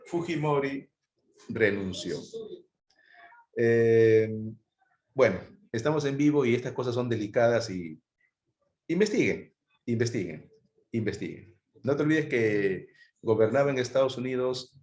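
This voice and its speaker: A man's voice: fairly low pitch, a little mellow. A man teaching a live history class, talking conversationally and asking students rhetorical questions. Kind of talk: live online class lecture. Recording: echoey room.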